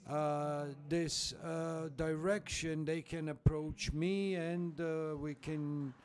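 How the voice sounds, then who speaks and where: A man's voice: fairly high pitch, mellow. A man giving a conference presentation in careful English, hesitant, with frequent fillers. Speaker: panel speaker. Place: conference hall.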